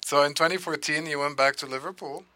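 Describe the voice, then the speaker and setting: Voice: medium pitch, fairly even intonation, fast talker, sharp tone. An interviewer asking questions and prompting a guest with short affirmations. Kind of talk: conversational interview.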